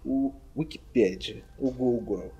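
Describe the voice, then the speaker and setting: A man's voice: medium pitch, takes it slowly, mellow, husky. A young man with a Brazilian accent hosting a podcast, joking and teasing in casual chat. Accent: Brazilian Portuguese. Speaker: podcast host.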